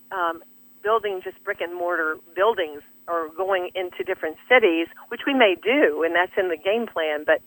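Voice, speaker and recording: A woman's voice: on the low side, fairly bright tone, dry recording, poor audio. A middle-aged woman with a Southern US accent, talking energetically as a fitness studio owner in an interview, laughing often. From American South. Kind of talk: enthusiastic interview talk.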